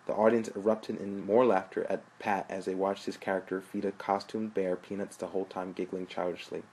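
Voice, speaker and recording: A man narrating a story aloud in a steady, plain way. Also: low-pitched, slight background noise, poor audio. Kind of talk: audiobook narration.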